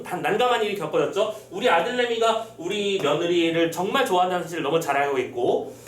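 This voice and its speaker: A male teacher tells a classic tale in an exam-prep lecture. He speaks in a high, lively voice and acts out the characters' lines. The room echoes, the mic is distant, and faint room ambience sits behind him. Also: slight background noise. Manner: animated storytelling, acting out quotes.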